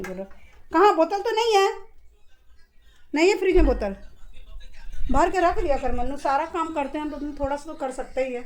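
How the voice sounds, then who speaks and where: A woman's voice: sits high, background noise. A middle-aged woman chatting casually to her viewers in a home vlog, telling family stories while doing chores in her kitchen. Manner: chatty, addresses viewers as guys. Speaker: vlogger.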